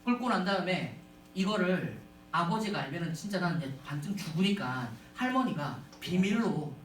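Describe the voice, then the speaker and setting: In a big, echoing hall, a man heard from a distance delivers a funny storytelling sermon to a youth retreat. He's animated, often speaks straight to the audience, and talks at a normal speed in a high-pitched voice.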